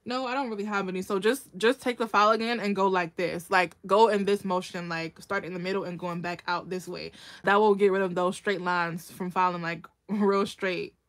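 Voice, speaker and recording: A woman's voice: mid-range voice, steady tone, normal speed. A woman hosting a casual nail art tutorial livestream, chatting with viewers by name and laughing often as she works.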